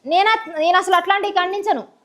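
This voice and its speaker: A woman's voice: very high-pitched, fairly quick, a bit bright. A woman with a Telangana Telugu accent from a village, speaking bluntly and passionately as an interview guest. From rural Telangana village. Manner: blunt, outspoken, impassioned. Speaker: guest, social media personality. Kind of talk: candid interview talk.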